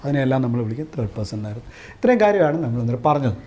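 A man with a Malayali English accent, teaching English grammar in Malayalam, going slowly over the points and checking with "right?". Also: medium pitch, big pitch swings, mellow. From Kerala, India. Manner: slow, repetitive, recaps and asks "right?". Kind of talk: classroom-style grammar lesson.

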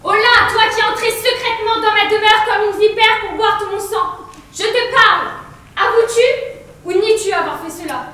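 A woman's voice: extremely high pitch, normal speed, bright, forceful tone. A young woman playing a stern, unyielding male tyrant king in an amateur stage Greek tragedy, declaiming imperiously. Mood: imperious, cold. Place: large indoor theatre, far camera. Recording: very echoey theatre hall, distant mic.

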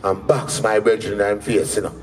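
A man's voice: lowish voice, little pitch movement, a little fast. A man with a Jamaican accent doing stand-up comedy, telling stories in patois and acting out the people in them. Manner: patois storytelling, acting out quoted characters. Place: live comedy venue with an audience. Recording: distant mic, faint crowd and room noise.

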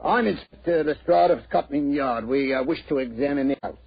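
A cocksure British police inspector in a muffled 1940s radio play. The voice is very rough and gravelly, the manner chatty and smug. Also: male voice, a little high, brisk. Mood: impatient. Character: cocksure, chummy working-class police inspector. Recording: muffled old radio recording.

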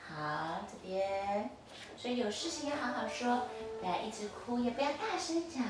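Mother, gently instructive, repetitive toddler coaching; distant, roomy home recording with audible noise. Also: a little high, animated, moderate pace. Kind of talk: coaching a toddler through play. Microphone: distant camera mic.

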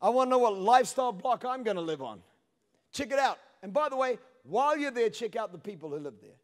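A man in his thirties preaching a sermon on a large church stage into a handheld mic, swinging between hushed passages and shouted peaks. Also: extremely high pitch, animated, quick pace. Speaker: pastor. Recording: long hall reverb.

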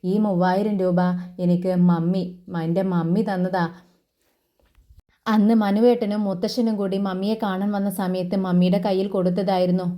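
A woman's voice: medium pitch, little pitch movement, normal speed, warm tone, natural voice. A woman voicing a kind young woman who explains earnestly to her grandmother.

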